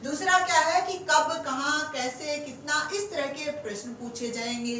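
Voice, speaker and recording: A woman's voice: high-pitched, pushed and bright, very echoey, distant mic, slight background noise, rough recording. A woman teaching Hindi grammar to exam students, answering her own rhetorical questions and calling them "beta". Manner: stretches example sentences slowly word by word. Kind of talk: classroom lecture for exam students.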